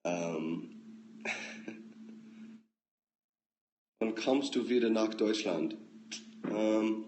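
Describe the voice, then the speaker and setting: An American man hosting a casual phone livestream at home, reading out comments with relaxed, dry, offhand replies. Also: lowish voice, drawn-out words, a little hiss or hum. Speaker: livestream host. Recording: echoey room, faint ambience.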